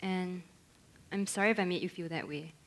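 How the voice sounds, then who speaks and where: A woman's voice: fairly low pitch, a little fast, natural voice. A young woman acting in a student play as a blunt, sassy friend.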